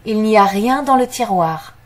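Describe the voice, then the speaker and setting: A woman's voice: medium pitch, lively intonation, normal speed, close to an everyday voice. A woman playing an eager young student on a puzzle hunt in a scripted audio story for language learners.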